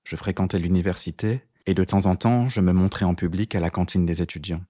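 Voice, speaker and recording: A man reading the part of a determined, grey-haired woman jazz saxophonist in an audiobook, calm and direct. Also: low-pitched, fairly quick, no room sound, studio quality. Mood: reminiscing. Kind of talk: audiobook character voice.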